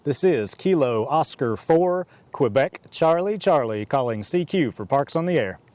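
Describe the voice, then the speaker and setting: Outdoors in a park, a man operates an amateur radio, making a ham radio call and spelling his call sign in the phonetic alphabet with a steady, repetitive procedural cadence. His voice is fairly high-pitched and measured in pace, and the recording is dry.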